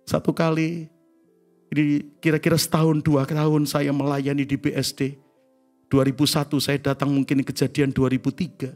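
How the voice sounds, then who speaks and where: A man's voice: fairly high pitch, level tone, moderate pace, a little mellow, soft background music. A middle-aged man preaching a sermon, telling stories with humor and often calling out to the congregation. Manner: acts out dialogue in shifting voices. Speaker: pastor.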